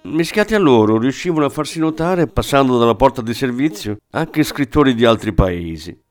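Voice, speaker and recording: A man reading literary fiction aloud in a measured, reflective manner, with faint music behind. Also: medium pitch, lively intonation. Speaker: audiobook narrator. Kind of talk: scripted literary narration.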